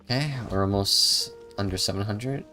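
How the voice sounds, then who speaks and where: Faint music plays behind a man with a lowish, sharp-toned voice who speaks at a moderate pace. He's a game streamer commenting casually as he plays, muttering to himself and humming or singing snatches.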